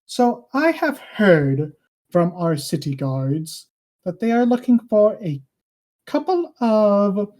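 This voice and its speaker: A woman voicing a stern, suspicious male king who speaks in a slow, measured, accusing way in a tabletop game. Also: medium pitch, very animated, warm tone, voice pushed up.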